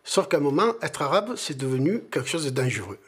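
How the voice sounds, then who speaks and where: An older man giving an earnest interview testimony, halting at times and repeating words. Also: fairly high pitch, expressive, over a noisy crowd.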